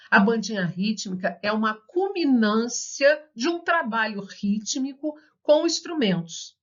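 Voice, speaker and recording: A woman's voice: fairly high pitch, fairly bright tone. A woman with a Brazilian Portuguese accent, giving an online music lesson for teachers, explaining step by step and singing children's songs as she claps. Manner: explains slowly, sings children's songs while clapping. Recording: dull lo-fi recording.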